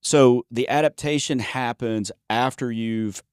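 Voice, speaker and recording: This sales trainer, co-hosting a podcast about sales, keeps the conversation casual, joking in a folksy style and often trailing off to restart words. His smooth, medium-pitched voice is unhurried. Clean studio sound, no room sound.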